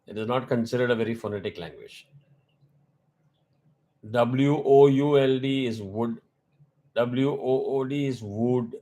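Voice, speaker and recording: A man's voice: mid-range voice, unhurried, pauses often, dark tone. A man teaching a weekly Vedic class over a video call. He explains step by step and asks his students questions.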